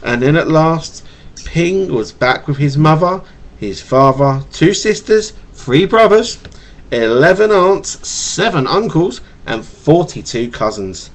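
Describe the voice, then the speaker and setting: Reading a children's picture book aloud to his child at bedtime, a father stumbles and repeats words with a stutter. His voice sits on the high side, with lively intonation and a slow pace. It was captured at home on a webcam microphone.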